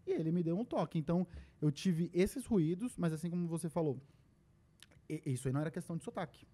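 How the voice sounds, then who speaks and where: A man's voice: on the high side, quick pace. A young adult man with a Brazilian Portuguese accent, a podcast guest telling stories in casual conversation and acting out the lines he quotes. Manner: animated storyteller who acts out quoted lines.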